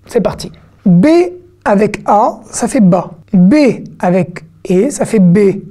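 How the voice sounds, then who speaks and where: A woman giving an online Hebrew reading lesson, patient and encouraging, spelling out syllables slowly for beginners. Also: medium pitch, mellow. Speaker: Hebrew teacher.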